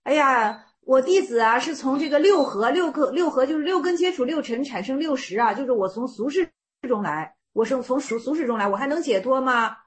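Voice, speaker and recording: A woman's voice: high-pitched, lively intonation, fairly quick. A woman voicing a grieving male official disciple who wails and pleads with his old master. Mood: pleading. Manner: wailing and pleading. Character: grieving official disciple, man, emotional and flattering.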